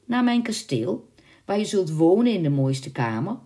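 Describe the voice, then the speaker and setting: A woman's voice: fairly low pitch, very animated, moderate pace, mellow, voice pushed up. A woman doing a haughty, lustful young nobleman. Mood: wooing. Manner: haughty and demanding. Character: proud arrogant young nobleman, lustful and grim.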